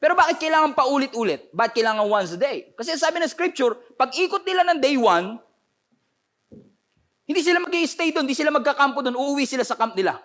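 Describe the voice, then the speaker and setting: A man's voice: very high voice, expressive, fast, a bit bright. A man with a Filipino accent preaching a sermon, telling the story with energy and acting out the voices of the people in it. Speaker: pastor.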